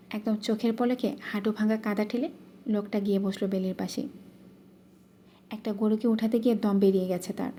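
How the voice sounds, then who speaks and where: Mellow, even-voiced woman narrator. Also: mid-range voice, a little hiss or hum. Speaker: audiobook narrator. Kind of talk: storytelling narration of a romance.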